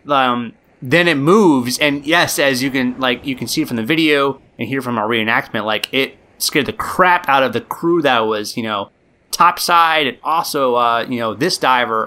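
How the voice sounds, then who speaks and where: Bright-voiced man telling a story. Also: mid-range voice, moderate pace. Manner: animated, with many likes and fillers. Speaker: podcast co-host telling a story. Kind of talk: casual storytelling chat.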